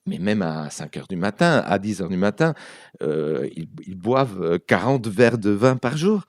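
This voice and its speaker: Speaking unhurriedly in a fairly low, slightly mellow voice with big pitch swings, a male interview guest from Argentina shares anecdotes. He is a writer and translator whose native language is Spanish, has an Argentine accent, and frequently hunts for words. The studio-quality audio has no echo.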